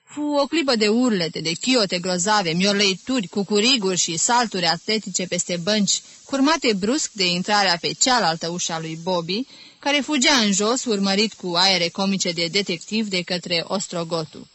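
Bright, forceful woman audiobook reader. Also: mid-range voice, no echo. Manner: lively, expressive storytelling. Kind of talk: literary audiobook narration.

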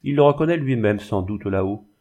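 A calm, firm young woman, read by a man in an audiobook. She speaks softly and steadily in a low, dark register. Nothing is pushed or theatrical. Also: fairly quick. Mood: resolute. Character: firm, generous young woman of a glassmaking family.

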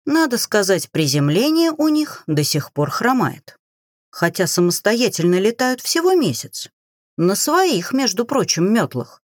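A woman narrating an audiobook in a playful, expressive storytelling manner, recorded on a close studio mic. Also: medium pitch, a little slow, dry recording.

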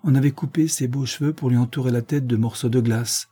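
A man reading a classic novella aloud as first-person narration, measured and sombre. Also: medium pitch, steady tone, dark tone, slightly rough. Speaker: audiobook reader.

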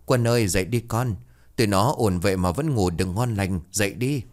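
A man's voice: on the low side, a little fast, natural voice. A man voicing a worried older man who anxiously pleads with a sleeping young worker to wake up.

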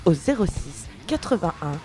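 A woman's voice: on the low side, very animated, moderate pace, over loud music. A woman co-hosting a rock radio show, chatting in wry, teasing banter.

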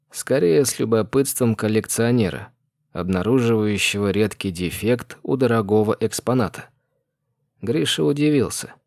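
A male audiobook narrator with a lowish voice reads a scripted story in a measured, even storytelling style. The recording is studio quality, with no echo at all.

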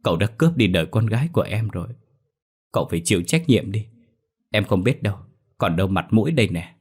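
A man's voice: on the low side, sing-song, fast talker, darkish tone, breathy edge. A man voicing a bitter young concubine who sobs and screams accusations in a ghost story reading. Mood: wheedling tearful.

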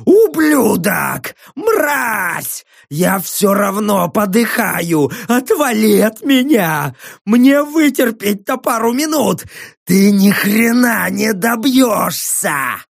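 A man's voice: high voice, very animated, very slow, vocal fry, a little mellow, slightly rough, dry recording, studio quality, full character voice. A man voicing a dying male prisoner in agony who screams, sobs and curses in terror. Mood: raging. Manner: screaming, sobbing, begging.

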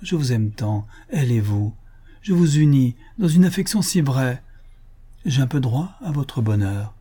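A man's voice: mid-range voice, normal speed, warm tone, husky, natural voice. Man voicing a tender aging countess mother. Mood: tender pleading. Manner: pleading, affectionate. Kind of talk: audiobook character reading.

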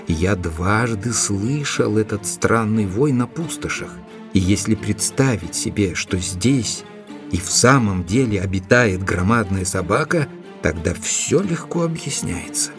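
An actor playing Doctor Watson, a sensible, determined gentleman who tells of his investigation in a measured, deliberate audio drama style. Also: fairly low pitch. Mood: pondering. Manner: measured, deliberate storytelling with rhetorical questions. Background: music behind the voice.

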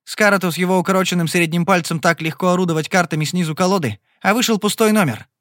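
A man's voice: high voice, fast talker, a bit bright, no echo, studio quality, voice pushed up. Man voicing a cool, mocking young gambler. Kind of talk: audiobook character voice.

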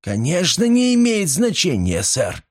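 A man's voice: a little high, wildly swooping pitch, measured pace, a little mellow, voice pushed up, exaggerated voice. A man voicing an older, outspoken, pious female housemaid who talks boldly and keeps calling on God. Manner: bold, pious exclamations.

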